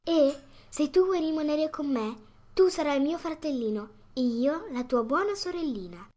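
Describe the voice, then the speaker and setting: Kind motherly fairy, read by a woman: high, soft and soothing, for a storybook. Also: lively intonation, moderate pace. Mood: tender. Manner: soft, sweet and reassuring.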